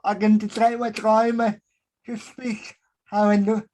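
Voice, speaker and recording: A male podcast host speaks in a careful, slightly hesitant way. His pitch barely moves, which gives him a level, even tone. The setting is a casual chat over a call. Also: unhurried. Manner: soft-spoken, careful, somewhat hesitant.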